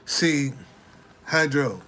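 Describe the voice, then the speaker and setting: Man, late sixties, casual talk to camera, street slang, repeats himself, fairly high voice. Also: extremely slow, slight background noise. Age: 60s. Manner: animated, repetitive, indignant retorts.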